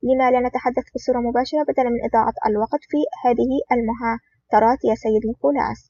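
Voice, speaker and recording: A reader voicing a sardonic, cool-headed male agent in an audiobook, in a calm, mocking manner. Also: mid-range voice, very fast, a little hiss or hum, lightly acted. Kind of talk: audiobook reading. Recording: dull lo-fi recording.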